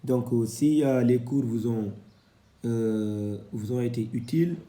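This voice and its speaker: A man teaching a Quran reading lesson, sounding out syllables one at a time and explaining with frequent pauses. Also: mid-range voice, warm tone.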